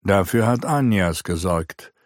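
A man's voice: deep voice, animated, unhurried, no room sound, studio quality. Sperber, a man voicing a resolute knight. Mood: earnest. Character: resolute male knight hero. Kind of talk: audiobook character reading.

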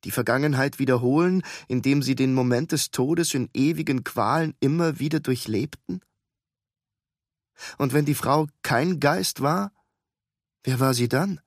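A man's voice: mid-range voice, no room sound. Male audiobook narrator, dry close sound. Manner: calm, measured storytelling. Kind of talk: scripted narration.

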